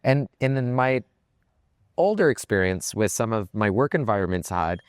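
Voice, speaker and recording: A male podcast host with a very low, smooth and resonant voice, speaking thoughtfully and feeling his way through each point. The recording is close and dry. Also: expressive, normal speed, no room sound. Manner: reflective, hesitant, many "you know"s. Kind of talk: casual podcast conversation.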